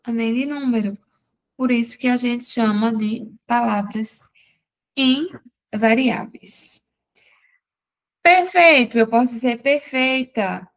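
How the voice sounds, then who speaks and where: Slow, measured woman teaching grammar. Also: on the high side. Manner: explains step by step with quick rhetorical questions. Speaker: Portuguese teacher. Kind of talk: exam-prep grammar lesson.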